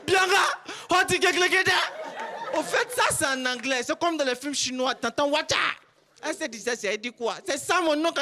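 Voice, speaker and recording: Shrill, animated comic storyteller. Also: male voice. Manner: animated, bursts into shouts and cries. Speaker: stand-up comedian contestant. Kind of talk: stand-up storytelling sketch. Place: stage before a live audience.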